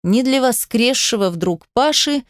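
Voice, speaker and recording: A woman's voice: a little high, lively intonation, unhurried, dry recording, studio quality. Dramatic woman reading an audiobook. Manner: emotional, dramatic storytelling. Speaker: audiobook narrator. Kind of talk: first-person scripted narration.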